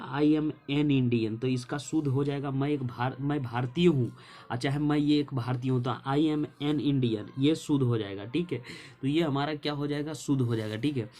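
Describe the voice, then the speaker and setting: A male English teacher, explaining a lesson slowly, spelling words letter by letter and asking and answering his own questions. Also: medium pitch, dark tone. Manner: slow, drawn-out dictation of spellings. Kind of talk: classroom lesson explaining translation.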